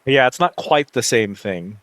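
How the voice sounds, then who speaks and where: This livestream host talks over a game in a loose, reflective, wandering way, frequently groping for the right word. He has a medium-pitched, expressive, slightly bright voice, keeps a measured pace, and there's no room sound.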